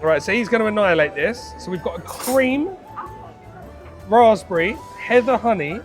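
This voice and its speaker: A man's voice: high-pitched, animated, normal speed, soft background music. A man hosting a food vlog, talking casually to viewers as he presents.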